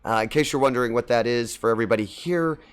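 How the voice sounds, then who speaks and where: A man streams a game and chats casually with his viewers in a clean, medium-pitched voice at a quick pace. He's friendly and rambling, calls out chat members by name, and sounds slightly scratchy from seasonal allergies.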